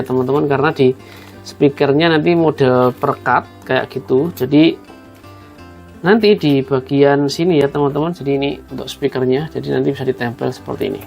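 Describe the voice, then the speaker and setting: Over background music, a man hosts a casual tutorial, chatting through each hands-on step and often calling viewers his friends. His mid-pitched voice is gravelly and creaky, with a slightly mellow quality.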